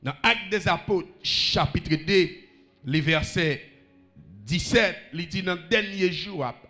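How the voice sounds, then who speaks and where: A man's voice: a little high, fairly bright tone. A man with a Haitian accent preaching a sermon, rhythmically calling out questions to the congregation.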